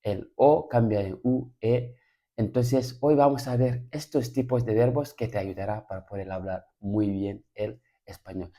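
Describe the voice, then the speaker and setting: Man teaching vocab, low gravelly voice, says each word over and over. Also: warm tone. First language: Pular. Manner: repeats each word slowly several times. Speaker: language teacher. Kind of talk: slow repetitive vocabulary lesson.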